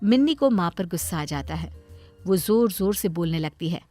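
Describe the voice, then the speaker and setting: A woman's voice: fairly low pitch, expressive, moderate pace, dark tone, faint music behind. A woman narrating a moral story for a cartoon in a plain storytelling manner.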